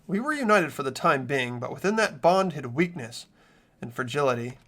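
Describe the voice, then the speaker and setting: A young man hosts and leads the reading in a game playthrough, voicing the story narration and chatting casually in between. His voice is fairly high, sing-song and a bit bright, at a moderate pace.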